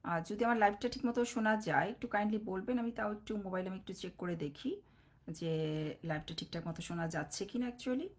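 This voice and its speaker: A woman, a phonics teacher giving a live online class, mixing in English words and slowly drawing out each letter sound. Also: mid-range voice. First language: Bengali. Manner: slow, drawn-out sounding of letters; mixes English words into explanations.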